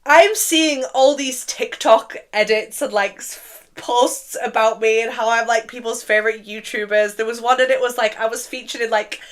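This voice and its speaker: A young woman, hosting a casual vlog in a chatty, animated way with offhand swearing. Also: a little high, normal speed. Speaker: YouTuber host.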